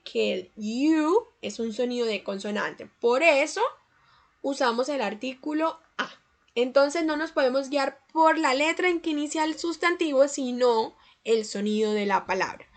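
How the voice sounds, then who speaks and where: In a scripted lesson on English grammar, a woman slows her delivery to articulate the example sentences with care. She has a high, creaky and fairly bright voice.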